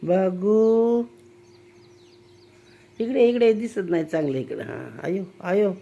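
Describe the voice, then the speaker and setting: A woman films a home video on a handheld phone, coaxing and teasing a child with frequent exclamations in casual chat. Her mid-range voice is slow, creaky, and dark in tone, and the audio sounds dull.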